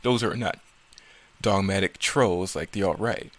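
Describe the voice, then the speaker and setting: A low-pitched man speaks at a measured pace, giving casual, unscripted commentary as a video creator. He rambles, stumbles over his words, and often corrects himself mid-thought.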